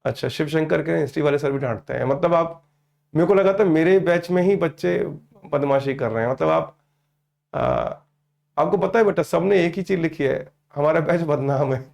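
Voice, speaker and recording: A man's voice: fairly high pitch, moderate pace, gravelly, darkish tone. A man in his fifties, a teacher chatting and teasing with students in an online class, often calling them "beta". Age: 50s.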